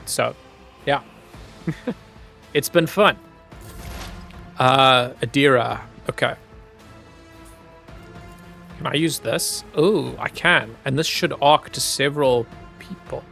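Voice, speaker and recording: A man from Zimbabwe streams a game, chatting easily with his viewers and laughing often as he plays. His medium-pitched voice is slow, creaky and pushed bright, with frequent pauses. Faint music plays behind him.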